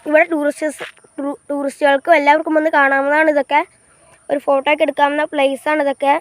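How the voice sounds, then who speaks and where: A woman vlogs outdoors near a canal and countryside fields, riding a bicycle and filming on an old phone camera. There's no room sound, and her high voice has a flat delivery as she speaks haltingly, repeats things and keeps addressing "guys."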